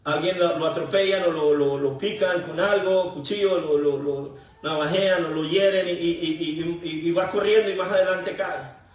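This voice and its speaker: High-voiced pastor in an echoey church. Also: male voice, distant mic. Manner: halting, repeats words, emotional testimony. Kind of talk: sermon. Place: church sanctuary.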